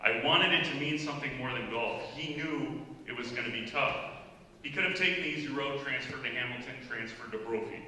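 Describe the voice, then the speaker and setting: Bright-voiced coach in an echoey hall. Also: male voice, mid-range voice, brisk. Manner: heartfelt, near tears at times. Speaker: high school golf coach. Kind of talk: ceremony speech. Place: school hall. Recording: echoey hall, voice from far off, faint noise.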